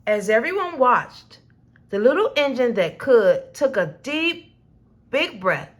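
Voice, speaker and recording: Reading a storybook aloud for children, a woman uses an expressive, deliberate storytelling style. Her voice is fairly high.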